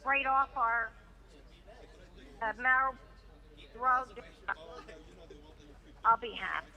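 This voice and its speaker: High bright woman's voice, halting, call line breaking up, distant choppy phone sound. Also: dull audio. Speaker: caller. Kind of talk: casual chat.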